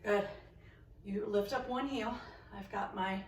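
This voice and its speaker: A woman's voice: mid-range voice, takes it slowly, reverberant, far from the mic, a little hiss or hum, poor audio. Woman fitness instructor counting reps. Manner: encouraging, counts reps aloud. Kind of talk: guided workout instruction.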